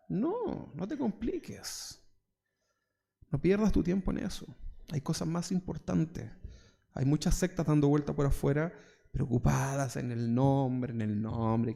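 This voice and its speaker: A slightly high, creaky male voice with a dark tone belongs to a pastor with a Chilean Spanish accent. His sermon is conversational, packed with rhetorical questions, mocking asides, and mock voices.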